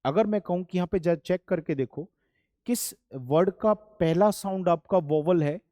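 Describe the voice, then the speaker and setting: A man's voice: a little high, mellow, dry recording, studio quality. A man teaching English grammar, patient and repetitive, addressing students as children. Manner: patient, repeats points, calls students "beta" and "bachhon". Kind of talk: classroom lesson.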